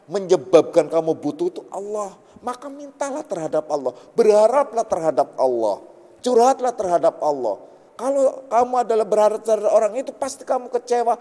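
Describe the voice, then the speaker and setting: A man's voice: a little high, dark tone. A man giving a religious teaching in casual, storytelling speech, acting out the people in his stories. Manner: colloquial storytelling, acts out characters. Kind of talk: sermon. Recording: long hall reverb.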